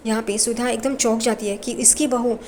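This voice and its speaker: Woman narrator, serial recap, slightly high voice, plain storytelling tone, faint background noise. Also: flat delivery, a little fast. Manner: plain storytelling, reads out characters' lines. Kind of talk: retelling a TV serial episode.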